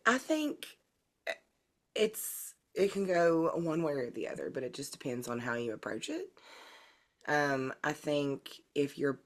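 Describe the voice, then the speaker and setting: A woman's voice: low-pitched, lively intonation, unhurried. A woman with a Southern US accent co-hosting a podcast in casual chat, thinking aloud with fillers and hedges. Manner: thoughtful, hedging with fillers. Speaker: podcast co-host.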